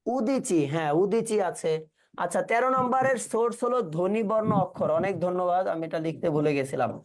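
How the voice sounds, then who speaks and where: A teacher runs an exam-prep class in a relaxed, colloquial way, firing questions at his students and echoing their answers back. His voice is high-pitched and fairly quick.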